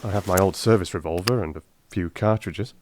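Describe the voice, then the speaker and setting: A man's voice: low-pitched, brisk, darkish tone, slight background noise, pitched below the performer's own voice, natural voice. A man voicing an earnest doctor and detective's companion in a dramatised audiobook, with plain, restrained questioning. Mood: curious, earnest. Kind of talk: dramatised audiobook character acting.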